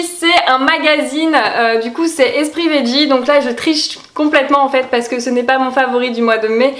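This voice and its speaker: A young woman talks through her favorite products in a casual, bubbly vlog. Her voice sits high, and she fills her sentences with little hesitations and quick laughs. The room around her sounds bright and echoey. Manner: chatty, many fillers, laughs easily. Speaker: lifestyle vlogger. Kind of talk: casual monthly favorites chat. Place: home room with plants.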